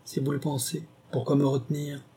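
A man's voice: fairly high pitch, completely flat delivery, fairly quick, creaky, mellow, breathy edge, pitched above the performer's own voice, full character voice. A man reading a story, voicing a scheming, sarcastic wife who mocks and goads a burglar. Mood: bitter. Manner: cold, mocking, haughty.

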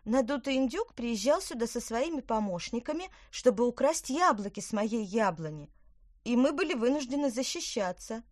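A woman's voice: a little high, expressive, moderate pace, no room sound, studio quality, voice pushed up. A woman voicing a cheerful, caring female apple-tree witch in a storybook reading.

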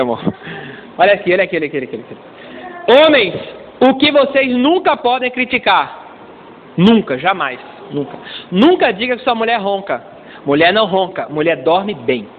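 Playful Brazilian pastor in echoey hall. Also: male voice, high voice, sing-song, moderate pace, slight background noise. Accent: Brazilian Portuguese. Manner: playful, acts out little dialogues, calls for amens. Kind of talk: lively humorous sermon. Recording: tinny lo-fi recording in a long-reverb hall.

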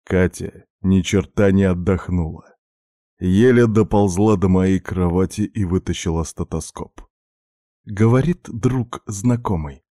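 A man narrating first-person fiction as an audiobook narrator, in a measured, darkly intimate way. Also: sits low, steady tone, dark tone, dry recording, clean studio sound.

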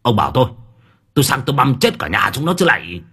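A man voicing a swaggering young hired thug who talks fast and mocking. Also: deep voice, very animated, a bit bright, breathy edge, full character voice. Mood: boastful.

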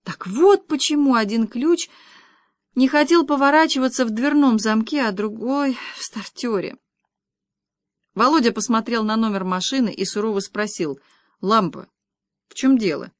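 A woman narrating a first-person audiobook in a wry, lively storytelling manner. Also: on the high side, moderate pace, no echo, studio quality.

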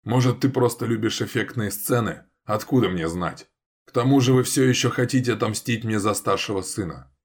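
A man reading an audiobook, voicing a gruff middle-aged father who barks orders and growls. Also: fairly low pitch, fairly quick, voice pushed up. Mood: scornful.

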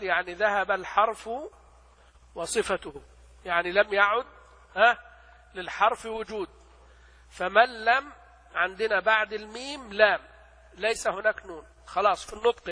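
A man with a high, bright voice gives a teaching lecture on a classical text. He poses questions and answers them himself, and drags out the worked examples slowly. The sound carries a long hall reverb. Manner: explains by asking and answering his own questions, recites examples slowly. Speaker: religious teacher.

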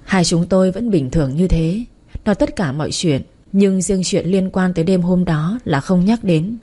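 A woman reading a first-person story in a calm, even way, over faint music. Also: on the low side, normal speed, breathy edge. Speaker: narrator.

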